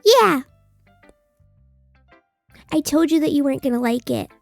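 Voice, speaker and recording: A woman's voice: sits high, lively intonation, a little slow, creaky, no room sound, soft background music, voice pushed up, heavily acted. A woman streamer voicing a bratty, defensive anime schoolgirl from a visual novel game in a cutesy, huffy voice. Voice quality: cutesy, annoying anime-girl voice.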